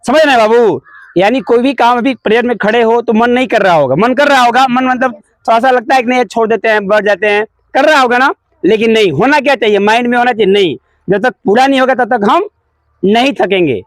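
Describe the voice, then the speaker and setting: A man's voice: very high-pitched, fairly quick, no room sound. A man teaching at a school prayer assembly. He leads call-and-response, repeats key words, asks questions and answers them himself, and mixes English phrases into his explanations. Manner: repeats key words, calls pupils "babu". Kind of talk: leading a morning school assembly lesson.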